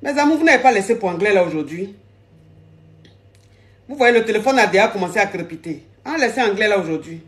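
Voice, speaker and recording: A woman's voice: mid-range voice, expressive, quick pace, long pauses. A woman hosting a live call-in advice stream, playful and repeating her phrases.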